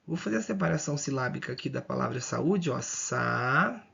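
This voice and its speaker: Gravelly husky male teacher, lo-fi sound. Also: mid-range voice, expressive. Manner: explains slowly and repeats, drawing out words, checking in often. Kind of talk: exam-prep grammar lesson.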